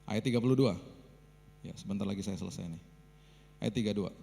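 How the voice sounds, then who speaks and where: A man preaching a sermon as pastor, telling stories in a lively way and acting out the people he quotes. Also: on the low side, brisk, gravelly. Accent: Indonesian. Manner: lively storytelling with acted quotes. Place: church hall. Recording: long church hall reverb.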